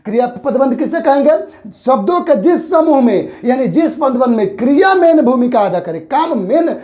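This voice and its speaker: A woman teacher leads a grammar lesson, her voice sitting somewhat high. She keeps asking her class questions and then answers them herself. She slows right down to draw out each example phrase. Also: lively intonation, a little mellow.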